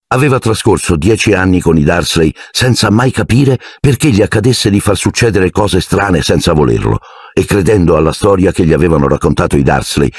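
A man narrating an audiobook with expressive storytelling. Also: low voice, slightly rough, no echo, studio quality.

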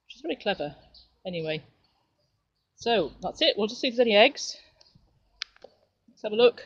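A middle-aged woman giving a relaxed, cheerful walk-through tour of her back garden and chickens, filmed outdoors on a handheld camera. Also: mid-range voice, normal speed, husky. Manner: chatty, relaxed, cheerful narration while walking. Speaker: home video maker. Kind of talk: casual home video tour. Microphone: handheld camera mic. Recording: dull lo-fi camera audio with noise.

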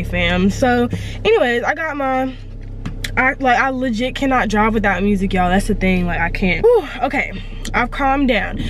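A woman's voice: a little high, a little hiss or hum. A young woman from Georgia talking casually to her viewers in a vlog, filmed close up with a handheld camera inside a car. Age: young adult. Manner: chatty, addresses viewers as y'all. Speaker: vlogger. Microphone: handheld camera close to face.

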